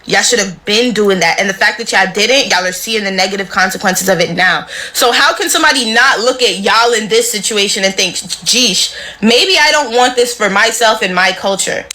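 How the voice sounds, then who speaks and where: A woman's voice: medium pitch, normal speed, bright, forceful tone. A Caribbean woman stating a firm, dismissive opinion. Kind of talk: casual opinion rant.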